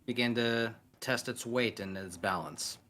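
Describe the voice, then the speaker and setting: A man playing a tabletop game, describing his actions and speaking in character in a measured, stoic, formal way. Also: mid-range voice, bright, forceful tone, slight background noise. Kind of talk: deliberate in-character role-play.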